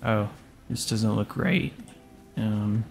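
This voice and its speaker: A man's voice: on the low side, little pitch movement, slow, gravelly, soft background music. A young man giving casual, jokey commentary over his factory-building gameplay, swearing freely. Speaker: gaming YouTuber.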